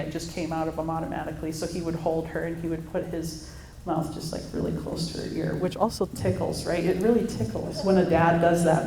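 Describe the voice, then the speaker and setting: A woman's voice: deep voice, mellow, a little hiss or hum. A woman in her thirties giving a heartfelt faith talk at an event, telling personal stories with occasional laughs. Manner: earnest, storytelling, laughs now and then. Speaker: speaker at a mother-daughter church event. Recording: echoey room with faint ambience.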